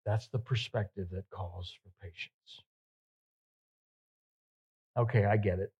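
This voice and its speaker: A male pastor preaching at an unhurried, deliberate pace. His voice carries a husky edge as he rises to emphatic peaks and drops to near-hushed tones, repeating words to drive them home. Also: fairly low pitch, steady tone, lo-fi sound. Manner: swings between loud emphatic peaks and soft, hushed drops. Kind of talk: sermon.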